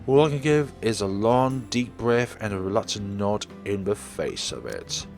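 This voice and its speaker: Gravelly yet a little mellow, this man's fairly low voice is animated and moves at normal speed. He is a let's player giving a dramatic, storytelling read-aloud of a visual novel, with game music playing behind him.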